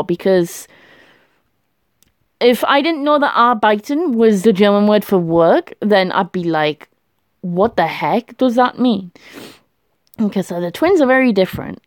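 A woman vlogger talks her way through a quiz in a slow, unhurried voice that swings up and down in pitch. She chats to herself and laughs a lot. The sound is dry and close. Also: dry recording. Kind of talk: casual thinking aloud while doing a language quiz.

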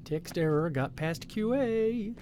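A man's voice: high-pitched, animated, slow pace, warm tone, slight background noise. A man streaming a video game live, commenting casually, playfully mocking himself, and chatting with viewers.

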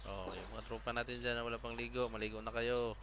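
A man's voice: medium pitch, flat delivery, fast. A middle-aged man from the Philippines, a truck driver vlogging in casual, joking chat to viewers outdoors by his truck. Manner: jokey, chatty, addresses viewers as guys. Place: outdoors beside a truck, by bushes. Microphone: fixed camera a few meters away. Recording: outdoor camera audio, loud background noise.

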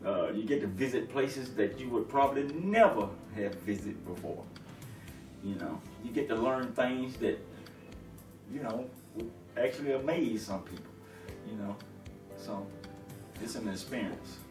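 With lively intonation and a medium, slightly slow delivery, a middle-aged long-haul trucker talks easily in a relaxed interview from his living room sofa. Fillers and restarts pepper his speech, and the sound is roomy and distant with music beneath.

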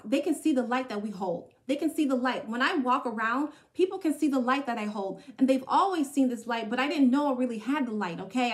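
A woman hosting a podcast, giving an emphatic spiritual pep talk full of repeated phrases and a questioning "okay?" after each point. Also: fairly high pitch. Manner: emphatic, repetitive, punctuates with "okay?". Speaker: podcast host.

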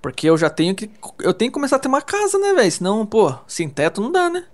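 A man's voice: high voice, wildly swooping pitch, fast. A man with a Brazilian Portuguese accent in casual gaming chat, playful and exclamatory, thinking aloud as he crafts. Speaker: gamer co-playing.

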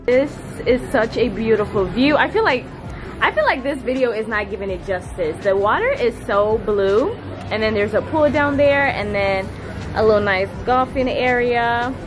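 A young woman chatting brightly to her handheld camera, loose and upbeat like she's talking to friends. She walks through a vacation rental, and soft music plays under her voice. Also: a little high, expressive, moderate pace, crowd noise. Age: young adult. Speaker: lifestyle vlogger. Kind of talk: casual vlog narration. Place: beach vacation rental, indoors and out.

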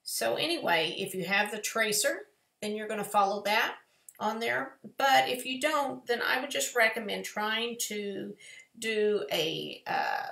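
A woman with a twang talks viewers through a live painting lesson in a folksy, chatty way. Her voice has a gravelly edge, and the room around her sounds echoey. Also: medium pitch, a bit bright. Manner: chatty, folksy step-by-step instruction. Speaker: painting teacher.

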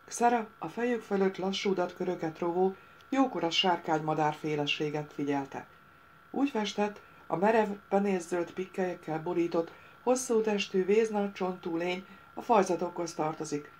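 A woman reading a fantasy audiobook in a steady, measured manner. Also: lowish voice, a little hiss or hum. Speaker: audiobook reader. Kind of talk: audiobook narration.

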